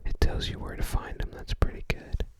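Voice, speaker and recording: Briskly, an ASMR host flips through a book and murmurs casual, fragmentary thoughts in a breathy, unvoiced whisper.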